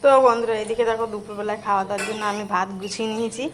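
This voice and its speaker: A young woman narrating a casual family vlog in a chatty way, talking softly to her young son at times. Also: medium pitch, level tone, racing, background noise. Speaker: family vlogger.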